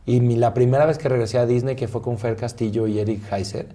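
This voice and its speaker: A man, an interview guest, telling a personal story in a soft, halting way with many pauses and fillers. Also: medium pitch, fairly even intonation, slight background noise.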